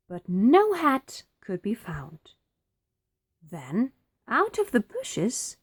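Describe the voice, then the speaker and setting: A woman reading a children's picture book aloud, with expressive, dramatic pauses. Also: medium pitch. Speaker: storybook reader.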